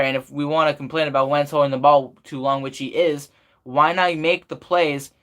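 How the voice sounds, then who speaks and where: Higher-voiced man venting on a sports stream. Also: fairly bright tone. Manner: frustrated, opinionated venting with emphatic repetition. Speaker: sports fan live streamer. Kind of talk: off-the-cuff live stream sports commentary.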